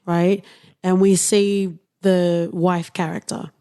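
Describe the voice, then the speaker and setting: A woman's voice: fairly low pitch, little pitch movement, slow, dark tone, clear, resonant tone. A woman co-hosting a casual podcast, reviewing a TV series in an opinionated, teasing way. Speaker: podcast co-host.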